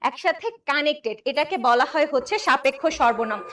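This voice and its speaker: A woman's voice: sits high, a little fast, a bit bright, distant mic, slight background noise. A young woman from Bangladesh teaching a live online class, repeating key words and quizzing her students as she works through exam questions. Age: young adult. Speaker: Bangla tutor for university admission.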